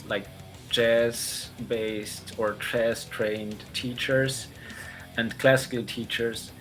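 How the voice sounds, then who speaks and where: A man's voice: medium pitch, fairly bright tone. A man, a guitarist giving casual interview answers over a video call, speaking hesitantly with many fillers. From Austria.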